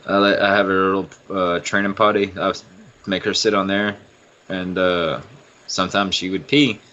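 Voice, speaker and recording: A man co-hosting a podcast, telling stories in a profane, animated, casual way. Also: sits low, moderate pace, a little hiss or hum. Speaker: podcast co-host. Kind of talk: casual chat, storytelling. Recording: dull lo-fi recording.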